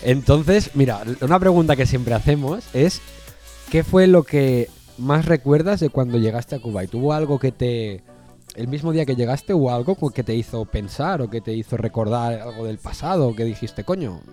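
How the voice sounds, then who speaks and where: Host: man, mid-range voice, teasing and chatty, soft music bed in the background. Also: medium pitch, animated, moderate pace. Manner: joking, chatty, tells little anecdotes. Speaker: podcast host. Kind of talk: casual interview chat.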